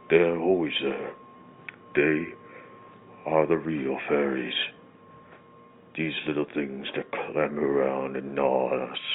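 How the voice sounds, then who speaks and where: A man playing a sinister, theatrical, mystical villain, speaking ominously and grandly on a voicemail in an audio drama. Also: very deep voice. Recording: noisy, tinny phone line.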